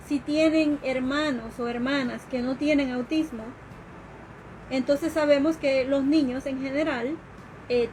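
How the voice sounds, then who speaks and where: A woman educator with a high voice lectures at an unhurried pace during a live stream. She explains patiently, pausing on fillers and restarting her sentences. A faint hiss of background noise runs under her voice. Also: darkish tone, rough recording. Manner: explanatory, with fillers and restarts, acts out quoted questions. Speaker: educator giving a talk.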